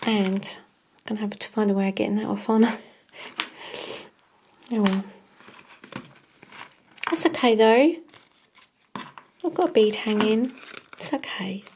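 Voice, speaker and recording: A woman's voice: mid-range voice, measured pace, long pauses, a little mellow, slight background noise. A woman, chatting to herself while she crafts, often half-whispering and chuckling at herself. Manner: self-mocking, chuckling. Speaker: crafting vlogger. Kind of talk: casual talk while crafting.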